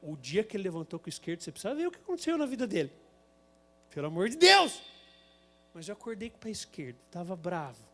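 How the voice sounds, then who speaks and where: A Brazilian man preaches with a strikingly high voice for a man. He builds his sermon around a lively, comic personal story. His delivery is animated and dramatic. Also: fast talker, faint music behind. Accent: Brazilian Portuguese. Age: adult, married with a son.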